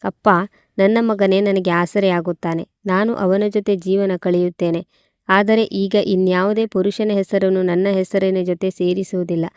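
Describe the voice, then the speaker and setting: A woman's voice: mid-range voice, little pitch movement, normal speed, a little mellow, clean tone, no echo, clean studio sound, lightly acted. A woman voicing a young widowed mother who speaks firmly and directly in a storybook narration. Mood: resolute. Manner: firm, direct.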